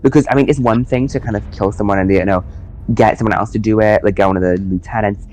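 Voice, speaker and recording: A man's voice: fairly low pitch, steady tone, fast talker, a little mellow. A man hosting a casual recap show, playful and teasing, drawing out words for effect. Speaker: host.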